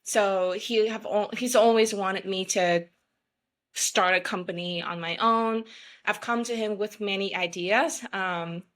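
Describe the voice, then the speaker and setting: A woman from Vietnam chatting as a podcast guest in an easy, casual way. She talks in loose, rambling runs, often stops on "um" and "you know", and switches to short acted voices when she quotes others. Her voice sits at a middle pitch. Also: fairly even intonation, a little slow, a bit bright. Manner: chatty, many fillers, acts out quoted people. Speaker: podcast guest, startup founder.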